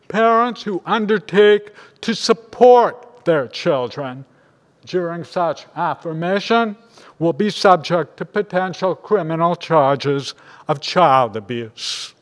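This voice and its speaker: Slow, grave rabbi in a reverberant hall. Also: male voice, high-pitched. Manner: measured, grave and deliberate. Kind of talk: sermon. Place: large synagogue sanctuary. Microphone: lectern microphone on a stand. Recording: long reverb of a large hall.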